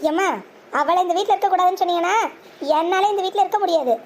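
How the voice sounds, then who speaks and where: A man's voice: extremely high pitch, fairly even intonation, quick pace, a little hiss or hum. A performer voicing a stubborn young husband who stands by his wife, speaking firmly in a scripted family drama. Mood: determined. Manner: firm, defiant.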